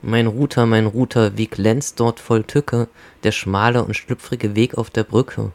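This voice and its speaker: Timid data packet, male, lowish voice, fearful rhyming pleas, played by a man. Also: steady tone, a little slow, gravelly, a little mellow. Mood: anxious. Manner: fearful pleading recitation in rhyme. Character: frightened little data packet, male, anxious. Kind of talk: comic poem recitation.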